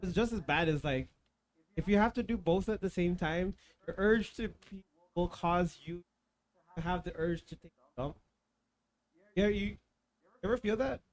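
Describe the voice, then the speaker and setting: A man's voice: sits high, normal speed, pauses often. A man hosting a casual podcast stream, rambling through stories with many restarts. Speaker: podcast host. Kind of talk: casual chat.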